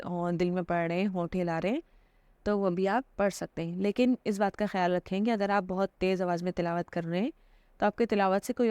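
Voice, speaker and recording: A woman's voice: medium pitch, a little mellow, clear, resonant tone, no echo. A woman giving an informal religious lesson, explaining patiently with frequent fillers and check-ins. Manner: patient and explanatory, with many fillers and repeated "theek hai". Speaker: Islamic teacher.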